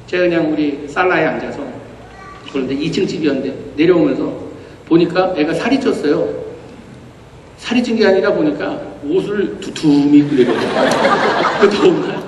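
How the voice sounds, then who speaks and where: A male pastor delivers a sermon in a high, animated voice, weaving a personal story with bursts of laughter. He is picked up from across a roomy church hall, so his words ring with long reverb over a faint background hum. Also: normal speed. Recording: echoey hall, distant mic, faint ambience.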